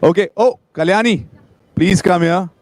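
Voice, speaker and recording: A man with an Indian accent hosting a live event in an excited, informal, chatty way. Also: high voice, moderate pace, no echo. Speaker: event host. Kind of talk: enthusiastic live event hosting, vox-pop interviews.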